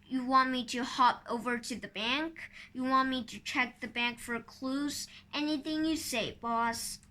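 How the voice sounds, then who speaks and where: An eager, literal-minded young deputy from a children's storybook, read aloud by a woman. He answers cheerfully in a bright, high, unhurried voice. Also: steady tone.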